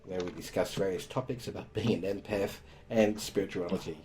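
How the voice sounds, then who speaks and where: A man hosting a podcast, explaining spiritual topics in a calm, casual way. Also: low-pitched, brisk. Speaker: podcast host.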